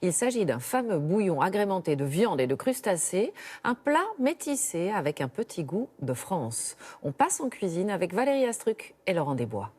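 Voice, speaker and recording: Lively-pitched female news anchor. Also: normal speed. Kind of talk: scripted news introduction.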